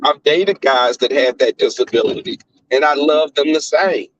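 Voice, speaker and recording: A livestream host with a Southern accent chats casually, crass and flamboyant, his slightly high, somewhat bright voice repeatedly jumping into squeals. He talks at normal speed. The audio is dull and lo-fi, and the dry room has no echo.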